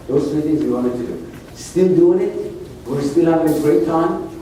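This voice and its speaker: A man's voice: on the high side, normal speed, warm tone, slight background noise. A man hosting a real estate club meeting, chatty and joking with the audience. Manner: chatty, jokey, engages the audience. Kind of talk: seminar talk to an audience. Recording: echoey meeting room, mic at a distance.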